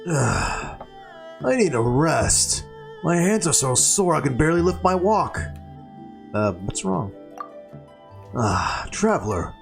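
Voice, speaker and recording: A man's voice: a little high, very animated, slow pace, gravelly, long pauses, pitched above the performer's own voice, heavily acted. A man reading aloud the lines of a weary, bossy restaurant worker from a video game, in close to his own voice, with game music behind him. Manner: reads game dialogue aloud.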